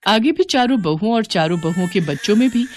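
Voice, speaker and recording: A woman narrating a family moral story in an even, measured storytelling manner. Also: medium pitch, slight background noise.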